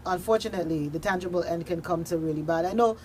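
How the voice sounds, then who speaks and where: Her lowish, darkish voice moves at a quick pace. She's a radio drama producer joining a discussion as a studio guest, earnest and conversational, often repeating phrases for emphasis, with noticeable background noise and room ambience in the recording.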